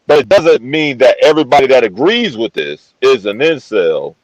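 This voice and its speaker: A man's voice: mid-range voice, sing-song, moderate pace, no echo, poor audio. A man on a casual panel, boastful and profane, repeating himself as he makes his point. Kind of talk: heated casual debate.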